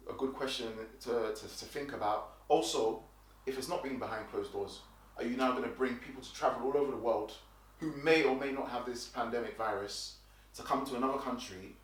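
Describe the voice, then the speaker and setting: A man hosting a casual boxing news roundup, chatty, with fillers and restarts. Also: mid-range voice. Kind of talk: casual commentary. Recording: roomy and distant from the mic.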